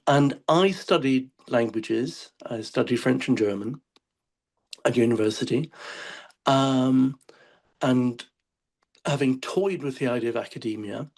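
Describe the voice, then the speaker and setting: A man speaking as a literary translator on an online panel, telling his story in a relaxed, wry way. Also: medium pitch. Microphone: video call.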